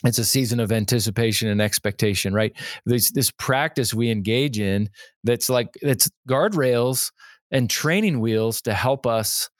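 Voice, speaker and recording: A man's voice: mid-range voice, unhurried, no echo, clean studio sound. A man who coaches pastors, talking casually on a podcast and quoting hymns and Scripture with rising emphasis.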